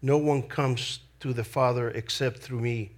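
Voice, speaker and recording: A middle-aged lay preacher, a native Spanish speaker with a Salvadoran accent, delivers a sermon at a slow, unhurried cadence. His voice rests at an ordinary middle pitch with a steady tone, and he speaks earnestly and deliberately, pausing between phrases.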